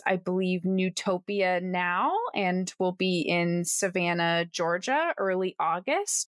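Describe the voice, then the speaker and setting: A woman's voice: mid-range voice, a bit bright, no echo. Upbeat woman podcast host, dry sound. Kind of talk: scripted intro then casual chat.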